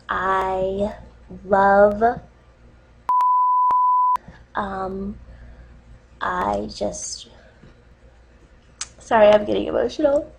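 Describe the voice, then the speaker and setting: A young woman playing a nervous, cat-obsessed dater in a comedy dating-video sketch, halting through ums and breaking into tearful sobs. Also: mid-range voice, husky, full character voice, low-quality recording.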